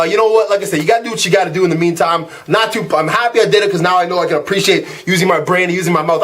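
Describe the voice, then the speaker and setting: A man hosting his own channel, delivering a comedic, profane rant monologue in an animated way. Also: high voice. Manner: fast-talking, animated and profane. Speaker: channel host.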